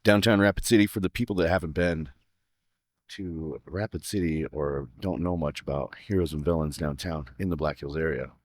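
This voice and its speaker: A man's voice: very deep voice, moderate pace, dry recording, clean studio sound. A man hosting a casual podcast, easygoing and joking, just getting over being sick. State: recovering from illness. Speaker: podcast host.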